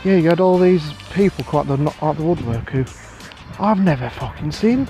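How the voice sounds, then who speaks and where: A man's voice: fairly high pitch, lively intonation, normal speed, mellow, soft background music. An English man in his thirties rambling bluntly and swearing while walking outdoors past fields, filming himself on a phone. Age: 30s. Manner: sweary, blunt, ranting with sarcastic put-on voices. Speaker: vlogger. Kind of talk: casual rambling vlog.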